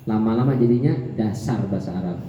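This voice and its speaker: A man teaching Quran commentary in a joking way, slowly drawing out Arabic words and acting out short dialogues. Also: warm tone. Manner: jokey, acts out dialogue with rising pitch. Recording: echoey hall, dull lo-fi sound.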